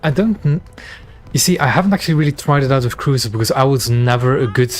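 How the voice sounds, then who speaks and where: A Dutch-speaking man from West Flanders, Belgium, with a Flemish lilt on his English, gives casual gameplay stream commentary in a relaxed, rambling way. He restarts often, answering chat questions between game calls, in an ordinary middle-pitched voice. He talks fast, with faint music behind.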